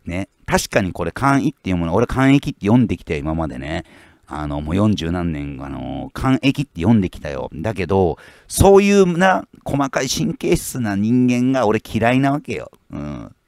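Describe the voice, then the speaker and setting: A low-voiced man rants at his commenters in a blunt, scolding way. His pitch swings widely as he rambles between fillers. The sound is close and dry. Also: very animated, normal speed, gravelly, darkish tone, dry recording. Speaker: fishing YouTuber. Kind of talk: casual rant reading out viewer comments.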